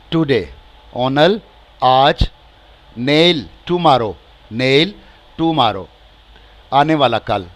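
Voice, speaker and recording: Pakistani guy teaching a beginners lesson, bit of a high voice, slow, says everything twice. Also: a bit bright. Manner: slow and repetitive, stretching each word and repeating phrases with translations. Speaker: language teacher. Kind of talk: spoken language lesson.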